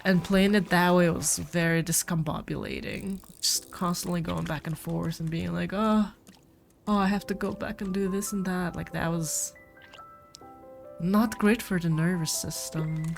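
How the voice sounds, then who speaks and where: Faint game music sits behind this gameplay streamer as she chats loosely with viewers while playing a farming game, clearly sick with a cold. She speaks a little slowly in a low, steady, creaky voice.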